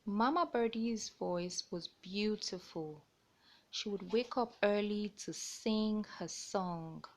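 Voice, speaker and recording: A woman with a mid-range voice hosts a children's storybook read-aloud. She explains things simply and deliberately for her young listeners.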